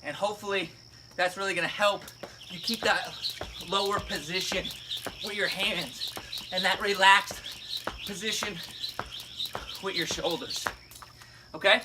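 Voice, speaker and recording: A man's voice: high voice, steady tone, unhurried, pauses often, heavy background noise. A man giving a casual fitness lesson, explaining step by step and checking in with "right?" and "okay?". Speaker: fitness coach. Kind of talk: casual instructional video.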